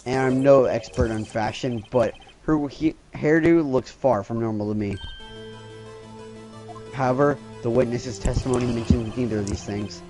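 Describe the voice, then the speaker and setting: A man plays a courtroom video game and reads the lawyer's lines aloud in a mock-serious tone. His voice sits at an ordinary middle pitch. Game music runs clearly underneath. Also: normal speed, mellow. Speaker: gamer reading dialogue aloud. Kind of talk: casual game playthrough with voiced dialogue.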